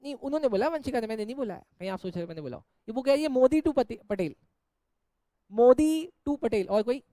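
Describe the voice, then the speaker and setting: A man's voice: very high-pitched, lively intonation, fast talker, mellow, dry recording. A man teaching an accounts class, jokingly scolding and teasing his students while he explains. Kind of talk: Hindi-English accounts lecture.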